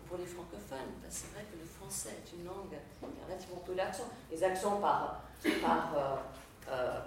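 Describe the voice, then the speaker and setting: A woman's voice: mid-range voice, a little hiss or hum. A woman lecturing on a language, explaining patiently with frequent hesitations and filler sounds. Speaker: Latin teacher. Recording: echoey room, voice from a distance.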